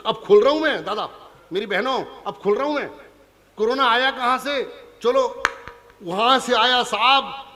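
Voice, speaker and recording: A man's voice: very high-pitched, sharp tone, long reverb tail. A man with a Punjabi accent, a comic poet on stage, teasing and chatting with a live audience. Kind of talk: stand-up comic poetry recital. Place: large hall before a live audience.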